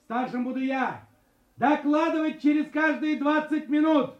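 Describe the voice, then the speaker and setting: An army officer in a radio drama, barking orders like a drill sergeant. The voice is pitched very high and measured, commanding and clipped, in an echoing, muffled space. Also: male voice. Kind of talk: barked military commands. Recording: muffled, echoing, music faintly behind.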